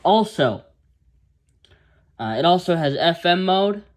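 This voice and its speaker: Speaking in a high, expressive voice, an American amateur reviewer shows off a product casually and without a script, his talk wandering and stopping and starting.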